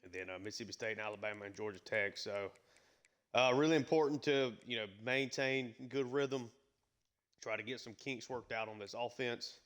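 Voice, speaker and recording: A man's voice: on the low side, fairly even intonation, brisk, pushed and bright. A man with the hiccups giving casual play-by-play commentary on a football video game, with lots of fillers. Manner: conversational, filler-heavy, hiccuping. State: has the hiccups. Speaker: gaming YouTuber.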